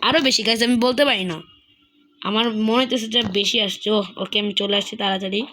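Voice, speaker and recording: A woman giving excited gameplay commentary as a gaming YouTuber, repeating words in rapid bursts, with a slightly sore throat. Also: mid-range voice.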